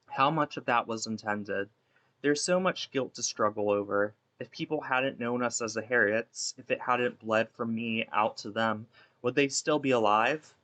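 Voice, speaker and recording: A man playing a guilt-ridden, imprisoned female ex-baseball pitcher in a wistful, theatrical dramatic monologue that rambles and interrupts itself. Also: bright, forceful tone, poor audio.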